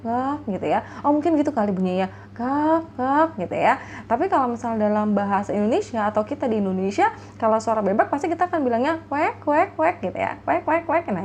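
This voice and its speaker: A woman teaching a language lesson, explaining each word slowly and playfully imitating animal sounds, with frequent tag questions. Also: fairly high pitch, a little mellow, a little hiss or hum.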